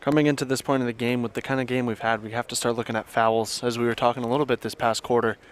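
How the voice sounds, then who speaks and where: A man giving color commentary at a high school basketball game, speaking hesitantly with frequent restarts. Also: little pitch movement, fast talker. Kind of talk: casual sports commentary. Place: school gym.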